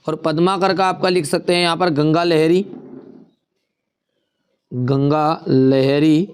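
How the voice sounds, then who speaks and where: Going through an exam paper, a young male teacher speaks in a steady, smooth, clean voice that sits a bit high. He slows down and repeats the key answers as though dictating them to his students.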